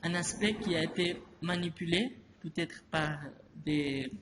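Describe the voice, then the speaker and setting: Speaking slowly in an interview, a man whose first language is Spanish keeps halting, restarting sentences and using fillers. His voice is slightly high, and a constant noisy ambience sits behind it.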